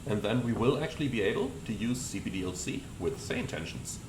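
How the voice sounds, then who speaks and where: A man's voice: on the low side, fast talker. A man presenting a flight simulator as a pilot, explaining procedures and reading back radio calls. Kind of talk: explanatory commentary with radio readbacks. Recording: roomy sound with steady cockpit noise.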